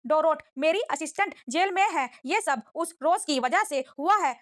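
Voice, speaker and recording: A woman's voice: sits high, expressive, moderate pace, no echo, studio quality. A woman reading a spiteful scheming noblewoman. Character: scheming noblewoman, bitter and vengeful.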